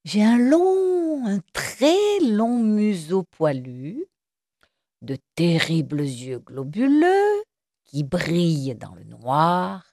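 Woman reading a story aloud, very slow, husky dark voice, dramatic, dry sound. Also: sits low, huge pitch swings, no room sound.

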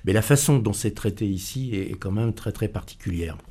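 A man's voice: on the low side, brisk, warm tone, slightly rough. A man reviewing films on a radio show in the studio, earnest, with hesitations and repeated words. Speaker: film critic.

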